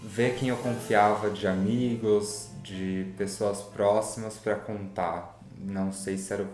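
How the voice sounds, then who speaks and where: A man speaks reflectively and with some hesitation, his voice low. Guitar music plays clearly behind him in an echoey room. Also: steady tone, takes it slowly, a little mellow. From São Paulo, Brazil. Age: 20s. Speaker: interviewee. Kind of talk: personal testimony.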